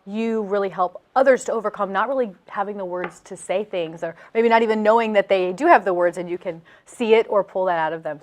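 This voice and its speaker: A woman's voice: medium pitch, a little mellow. A woman hosting an interview, enthusiastic and encouraging as she asks questions. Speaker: host. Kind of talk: casual interview.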